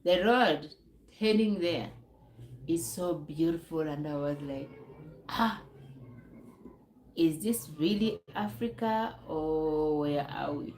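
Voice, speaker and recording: A woman's voice: low-pitched, takes it slowly, long pauses, a little mellow, roomy sound, slight background noise, low-quality recording. A woman from Uganda, chatting casually on her live stream, rambling and repeating herself. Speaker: livestream host. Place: noisy home with kids nearby.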